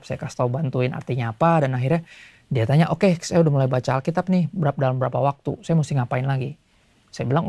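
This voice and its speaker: A male pastor giving a casual sermon to young people, telling stories in relaxed everyday slang. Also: mid-range voice, creaky, dry recording. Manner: chatty storytelling in everyday slang; acts out voices in quotes.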